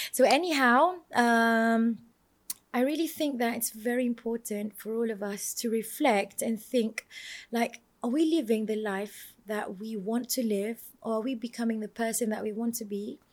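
A woman's voice: a little high, steady tone, moderate pace. A woman in her thirties from Malaysia, hosting her own podcast in a reflective, earnest solo talk, often musing aloud with fillers and restarts. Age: 30s. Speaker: podcast host.

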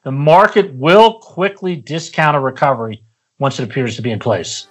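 A man speaking as an investment analyst in a podcast interview, explaining in a measured, somewhat hesitant way. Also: mid-range voice.

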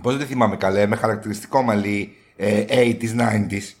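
Man, sore throat, podcast co-host, casual chat, joking, quick interjections. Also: on the low side, fairly even intonation, a little mellow. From Greece.

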